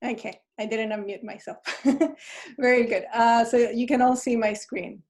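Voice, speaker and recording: A woman's voice: fairly high pitch, steady tone, measured pace, a little mellow. A woman from Chile, a physics professor, giving a friendly talk on a video call with light laughs between points. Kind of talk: presentation over video call. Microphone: computer mic on a video call.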